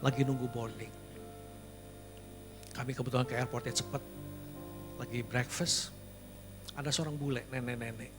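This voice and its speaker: A male pastor preaching a sermon at a church service. He tells personal stories, then builds to loud, emphatic exhortation, slipping English phrases into his preaching. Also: mid-range voice, steady tone, normal speed, long pauses, music in the background.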